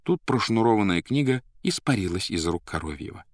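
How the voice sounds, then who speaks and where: A man reads a novel aloud in a measured, expressive manner. His voice is very deep, and the recording is dry and close with no room sound. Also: no echo. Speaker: audiobook narrator. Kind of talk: literary audiobook narration.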